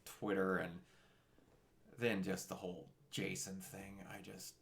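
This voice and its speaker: Low gravelly young man streamer. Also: little pitch movement. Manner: halting, many restarts and fillers. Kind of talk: casual chat on a game stream.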